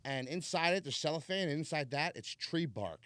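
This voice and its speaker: A man's voice: a little high, lively intonation, brisk, a bit bright, dry recording. New guy on a podcast spinning a story, super casual, lots of "like", dry sound. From New York. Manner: rambling, laid-back storyteller with frequent "like" and "so". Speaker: podcast guest.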